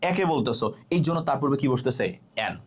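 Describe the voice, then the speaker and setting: A man's voice: mid-range voice, animated, fairly quick, breathy edge. A man teaching an English grammar class live online, explaining step by step, asking rhetorical questions, and answering viewer comments.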